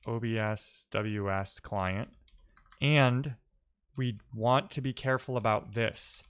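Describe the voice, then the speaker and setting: A man live-streams himself coding, speaking casually and in fits and starts as he thinks out loud and mumbles to himself. His voice sits lowish and sounds smooth.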